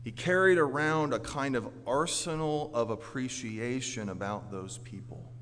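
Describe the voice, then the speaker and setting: An American pastor from Orlando, Florida preaches a sermon in a medium-pitched voice at a measured pace, with a faint hiss or hum on the recording. His delivery is earnest and emphatic, moving between forceful declarations and quieter storytelling. The sound is reverberant, as in a large hall.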